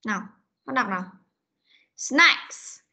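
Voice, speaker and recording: A woman's voice: a little high, expressive, normal speed, bright, forceful tone. A woman teaching an online class on a video call, coaxing pupils and repeating words for them to echo. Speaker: English teacher. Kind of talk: online class pronunciation drill. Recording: dull lo-fi meeting recording.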